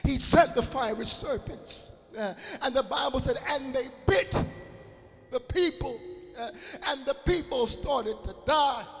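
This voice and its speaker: A man preaching a sermon in a church, chanting in a sing-song rhythm with frequent "uh" fillers and shouted peaks. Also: extremely high pitch, unhurried. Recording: long hall reverb with faint music.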